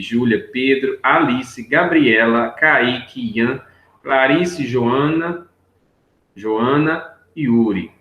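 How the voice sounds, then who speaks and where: A man's voice: medium pitch, fairly bright tone. A male teacher patiently going over worksheet answers for young children step by step, often checking in with his listeners. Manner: patient, step-by-step, checks in with 'right?' and 'look here'. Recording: echoey room.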